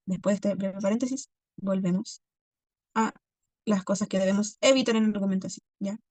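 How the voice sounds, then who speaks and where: A woman teacher reviewing a class lesson, checking in constantly with "¿ya?" and "¿cierto?" and pausing on many fillers. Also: fairly high pitch, dry recording. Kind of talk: recorded class review lecture.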